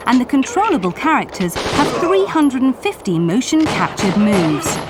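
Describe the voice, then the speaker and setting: A woman's voice: on the high side, big pitch swings, moderate pace, very noisy. A woman reading scripted promotional narration in a polished, enthusiastic presenting manner. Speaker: video game newsreel narrator. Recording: music bed behind the voice.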